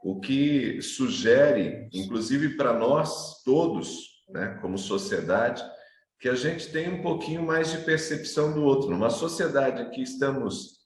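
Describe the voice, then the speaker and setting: A male host poses long interview questions at a very slow, deliberate pace. He hesitates often, filling gaps with drawn-out filler sounds, and his voice carries a noticeable roomy echo. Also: mid-range voice, lively intonation.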